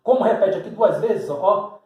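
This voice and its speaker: In an echoey room, a high-voiced man from Salvador, Bahia, Brazil delivers a teaching sermon, walking through symbols on a board step by step. He sounds animated and mellow at a moderate pace, and asks rhetorical questions along the way.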